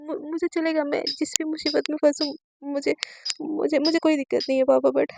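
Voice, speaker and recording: A woman's voice: high-pitched, level tone, a little fast, creaky, background noise. A woman voicing a desperate young woman who stammers and repeats her words through tears as she pleads for the one she loves. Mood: pleading.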